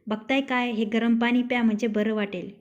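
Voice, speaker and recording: A woman voicing a sharp-tongued, steady young wife in a storybook tale, speaking curtly and scolding. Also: on the high side, a little fast, natural voice. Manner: curt, scolding. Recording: dull lo-fi recording.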